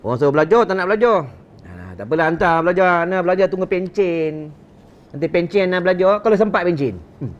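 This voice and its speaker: A man's voice: sits high, animated, fast talker. A man with a Malaysian Malay accent giving a religious lecture at a mosque gathering, rhetorical and joking, quizzing his listeners. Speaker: religious teacher. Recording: dull lo-fi recording.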